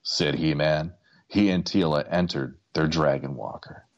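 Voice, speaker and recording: A man's voice: a bass voice, unhurried. A man narrating a children's adventure story from a script in a dramatic style. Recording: dull lo-fi recording.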